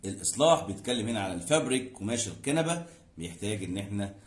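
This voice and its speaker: A male English teacher with an Egyptian Arabic accent, explaining a textbook lesson. He reads English sentences slowly, then translates them, with frequent filler sounds. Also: on the low side, animated, echoey room.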